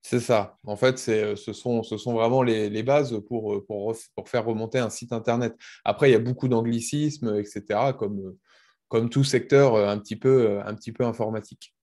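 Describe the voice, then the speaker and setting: A man's voice: on the low side, steady tone, moderate pace, mellow. A man presenting a webinar as a consultant, explaining the basics simply for beginners over a video call.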